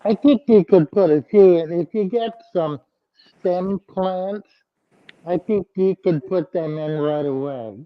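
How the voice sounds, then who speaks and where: A man with a slightly higher voice speaks slowly and calmly, giving plain advice to a caller. His clip-on mic sounds muffled and dull, as if only the low end gets through. The talk is relaxed and live. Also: no echo. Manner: slow, plain, reassuring advice. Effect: muffled, bass-heavy sound from a clip-on mic. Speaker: host of an aquarium livestream. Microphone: clip-on lapel mic.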